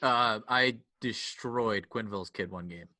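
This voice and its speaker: A man's voice: fairly low pitch, unhurried, pushed and bright, dry recording. A man with a Chicago accent, a podcast co-host in laid-back casual chat, swearing and calling people "man" and "bud".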